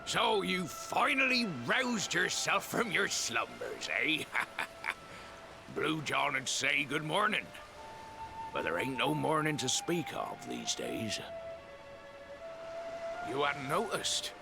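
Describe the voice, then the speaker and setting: An actor playing a gruff but kindly old sailor-like man in a video game, with folksy, weary speech and a gravelly voice. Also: a little high, very animated, takes it slowly, long pauses, exaggerated voice, rough recording. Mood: hearty, gloomy. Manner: folksy, old salt's dialect. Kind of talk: video game character acting. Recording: game music behind. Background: game music.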